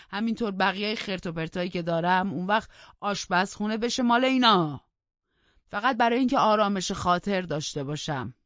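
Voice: mid-range voice, fairly bright tone, no room sound, voice pushed up, natural voice. A narrator voicing a bitter, stubborn old male servant who grumbles and complains. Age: older. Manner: whining, indignant complaining. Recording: dull lo-fi dry recording.

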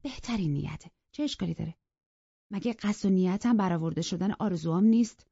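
A woman's voice: fairly low pitch, lively intonation, creaky, mellow, husky, no echo, pitched above the performer's own voice, full character voice. A woman voicing a passionate, headstrong young woman in love, talking in an impassioned, pleading and defiant way. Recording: dry, dull lo-fi recording.

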